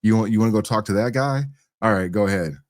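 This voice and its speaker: Man, low voice, dry close sound, slangy, rambling, opinionated talk show commentary. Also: fast talker, no room sound. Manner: slangy, rambling, repeats phrases.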